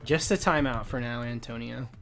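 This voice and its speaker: A man with a mid-range, slightly bright, creaky voice talks at a moderate pace while live streaming a game. He shares his opinions in casual, informal chat as his voice begins to give out. Music plays in the background.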